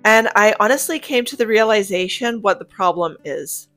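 A woman narrates a homemaking cooking vlog. Her voice sits at an ordinary middle pitch, and she talks to viewers in a cheerful, chatty way. Soft guitar music plays faintly underneath. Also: expressive, moderate pace. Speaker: homemaking vlogger. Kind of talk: cook-with-me voice-over narration.

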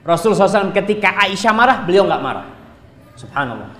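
A male preacher delivering a sermon, talking straight to the congregation and swinging between loud exclamations and quiet asides. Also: high voice, big pitch swings, racing. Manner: addresses the congregation directly. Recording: echoey hall with long reverb.

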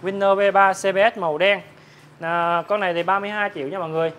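A man, a motorbike dealer, giving a hard-sell promotional sales pitch to viewers, repeatedly rattling off prices. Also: steady tone, fast talker, a bit bright, slight background noise. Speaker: motorbike dealer presenting his stock. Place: large open-sided metal-roofed motorbike warehouse.

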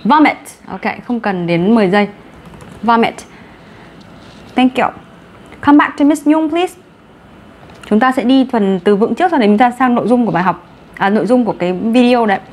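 Her pitch runs on the high side, with lively intonation and a slightly dark tone. She's a Vietnamese-accented teacher covering English vocabulary online, upbeat and quick, blending both languages as she goes.

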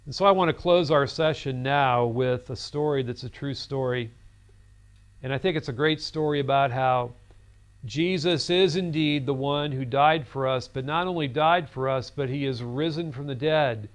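A man in his fifties with a mid-range voice speaks at a normal speed, giving an earnest, story-driven seminary lecture in a studio classroom set. He gestures as he talks, recorded on a lapel mic.

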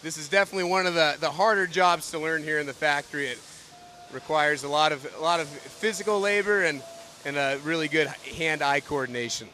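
A man who manages a factory, explaining the production steps in a steady, knowledgeable way. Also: a little high, fairly quick, slight background noise. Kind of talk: technical explanation.

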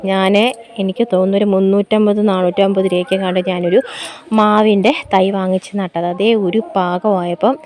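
A woman's voice: mid-range voice, a little mellow. Chatty woman vlogging outdoors. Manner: chatty, keeps prompting viewers to look, playful mock laments. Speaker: homemaker and vlogger. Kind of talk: casual walk-and-talk vlog. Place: outdoors in a home garden.

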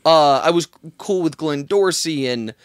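A man in his thirties telling a story with passion, his voice rising in pitch and volume as he retells it. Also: expressive, clean tone, dry recording. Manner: impassioned, quick to rise in pitch and volume when retelling. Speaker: sports radio guest. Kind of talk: animated storytelling.

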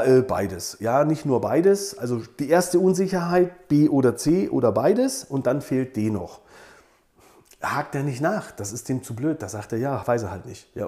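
A man teaching as an instructor, reviewing an oral exam protocol for his students and talking to them directly in a conversational way. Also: a little high. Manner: conversational, animated, addresses listeners directly. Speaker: instructor for naturopath exam preparation.

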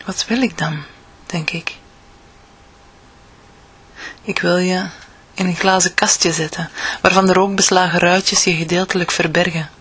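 A woman with a Flemish accent reading her own poetic picture book for adults, slowly and intimately, often half-whispering. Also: lowish voice, fairly even intonation, fairly bright tone, breathy edge. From Belgium.

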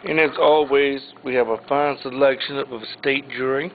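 Auction items are read out one by one by a man of medium pitch whose intonation is fairly even; his pace is unhurried and his manner plain. It's an informal walkthrough captured in tinny, phone-like audio with a little hiss.

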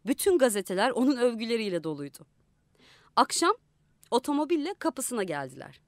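A woman's voice: very animated, a little fast, no room sound. Woman narrating a story, dry studio sound. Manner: voices the characters with shifts in pitch and loudness. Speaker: audiobook narrator. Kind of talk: scripted literary narration. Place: radio studio.

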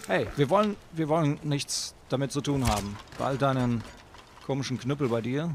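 A man giving casual gameplay commentary as a let's play host, talking excitedly to the enemies on screen. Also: mid-range voice, moderate pace, a little hiss or hum.

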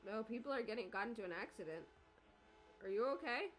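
A woman's voice: on the high side, expressive, quick pace, low-quality recording. A young woman giving casual playthrough commentary and reading game text aloud, giggly and reactive. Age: young adult. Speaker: gaming video host. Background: video game music.

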